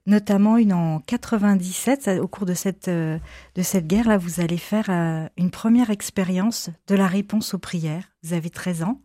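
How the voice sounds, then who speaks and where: A woman interviewing a guest, asking calm leading questions. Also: on the low side, moderate pace, no room sound, clean studio sound.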